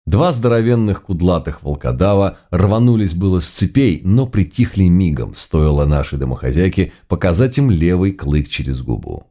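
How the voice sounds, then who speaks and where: A man's voice: low voice, lively intonation, normal speed, hardly any pauses, dark tone. A man reading a first-person story aloud in a wry, conversational way. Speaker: audiobook narrator. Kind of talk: first-person audiobook narration.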